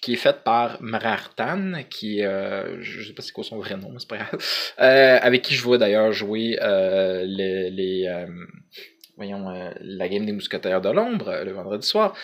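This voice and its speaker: A man's voice: mid-range voice, pushed and bright. A man with a Quebec French accent chatting casually to camera as a vlogger, hesitant and rambling, in colloquial slang.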